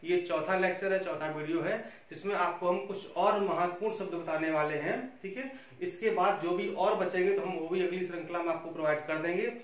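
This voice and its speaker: A man's voice: high-pitched, a little fast, few pauses. A man teaching Hindi spelling in a lecture, coaxing students and checking in with "okay" after nearly every point. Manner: repeats "theek hai" constantly, coaxing and instructive. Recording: very echoey room, distant mic, faint hiss.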